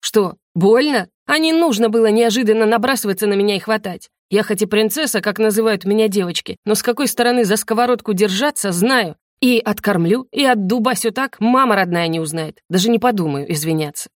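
A woman narrating a first-person fantasy audiobook in a lively, wry manner. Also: medium pitch, brisk, hardly any pauses, no room sound, clean studio sound.

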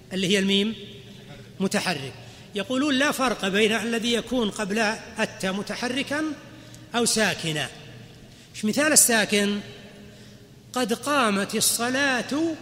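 High bright sheikh lecturing. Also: male voice. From Saudi Arabia. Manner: explains step by step, quizzing the class with quick questions. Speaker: sheikh teaching Arabic grammar. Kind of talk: classroom lecture. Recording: reverberant hall, faint background noise.

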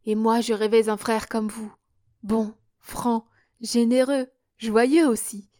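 A woman reading the part of a gentle, emotional young woman, speaking heartfelt lines. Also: a little high, little pitch movement, takes it slowly, dry recording, clean studio sound. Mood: warm. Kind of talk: audiobook character reading.

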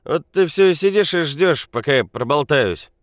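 Drunk blustering mine boss, slurring and loud, voice jumping high , as a male narrator puts him on. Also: animated, brisk, no room sound, studio quality, lightly acted. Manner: slurring, shouting, swaggering. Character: drunk boastful male quarry owner, loud and unruly.

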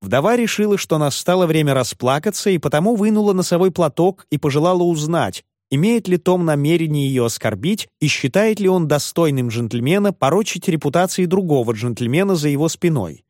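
A man's voice: a little high, expressive, a little fast, few pauses, darkish tone, no room sound, clean studio sound. A man narrating an audiobook expressively.

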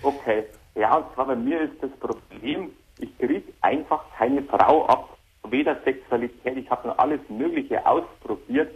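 A man in his thirties calling in on a speakerphone headset, talking in a hesitant, halting way over a dull phone line. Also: medium pitch, breathy edge. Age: 30s. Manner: hesitant, halting, repeats words. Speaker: caller. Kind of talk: call-in radio conversation.

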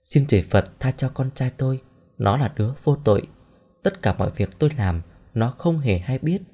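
A man's voice: medium pitch, lively intonation, moderate pace, dark tone, natural voice. A man reading the lines of a grieving older mother who confesses and pleads through tears, in a storybook reading. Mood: pleading. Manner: pleading, tearful.

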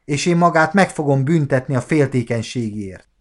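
A man's voice: medium pitch, animated, lightly acted. A man voicing a sleepy, jealous young husband who talks down to his wife in a lecturing tone. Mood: condescending.

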